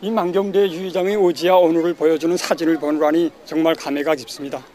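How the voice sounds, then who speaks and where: A man's voice: a little high, flat delivery, fast talker, darkish tone. A man with a North Korean accent giving an earnest, rhetorical testimonial as an interviewed visitor.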